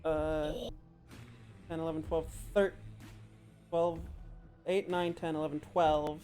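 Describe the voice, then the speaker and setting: A player with a medium-pitched voice talks casually through a tabletop game, tallying dice aloud. Light music plays behind the voice. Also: little pitch movement, slow pace, warm tone. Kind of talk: casual gaming chat, counting dice.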